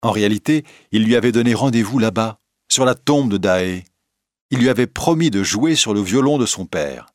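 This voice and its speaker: A man's voice: lowish voice, animated, normal speed, dry recording, clean studio sound, pitched above the performer's own voice, lightly acted. A man reading a storybook, voicing a kindly, naive old woman who talks cheerfully and candidly.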